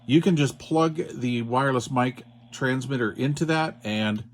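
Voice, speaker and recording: A radio product demonstrator explains things informally and step by step, like a hands-on tutorial, regularly checking in with "all right" and "okay." His voice is medium-pitched and measured, with background noise.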